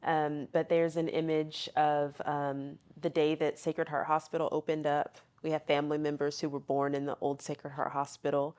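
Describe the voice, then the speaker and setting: A woman's voice: deep voice, level tone, moderate pace, hardly any pauses, darkish tone. A woman with a Southern accent, an inn owner giving a casual tour and telling family history with frequent ums. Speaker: bed and breakfast owner. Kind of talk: casual guided tour interview.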